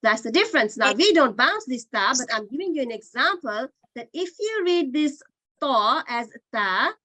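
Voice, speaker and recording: A woman's voice: sits high, sing-song, moderate pace, sharp tone, no room sound, rough recording. A woman teaching a Qur'an reading class online, patiently explaining and sounding out letters again and again. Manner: patient, demonstrates sounds by repeating them.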